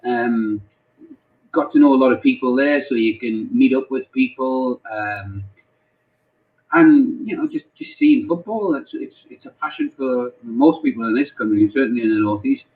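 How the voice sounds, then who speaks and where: Man on a tinny call. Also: mid-range voice. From North East England. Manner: halting, repeats words often. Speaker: football club chaplain. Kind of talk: casual interview answers. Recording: tinny phone-like call audio.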